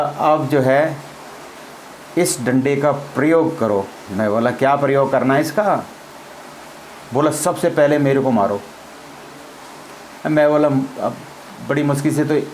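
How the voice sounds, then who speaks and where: A man's voice: mid-range voice, a little hiss or hum, poor audio. A man, a former army officer, telling a personal story in a casual spoken way, acting out the dialogue and laughing as he goes. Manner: acts out quoted dialogue, laughs as he tells it.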